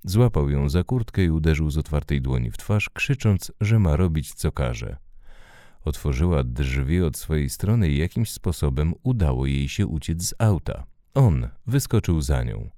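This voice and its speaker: A man narrating an audiobook story in a measured, expressive way. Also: very deep voice, no room sound, studio quality.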